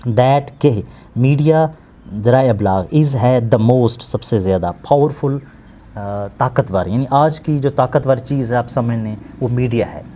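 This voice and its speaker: A man teaching an English lesson, slowly translating word by word and repeating each meaning with synonyms. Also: mid-range voice, warm tone, slight background noise. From Pakistan. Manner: slow, explanatory, repeats words and gives synonyms.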